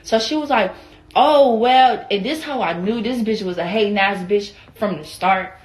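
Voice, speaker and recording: A woman's voice: medium pitch, moderate pace. A young woman with an Atlanta accent tells a casual, profane story, acting out both sides of an argument. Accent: Atlanta Southern American. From Atlanta, USA. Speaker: vlogger.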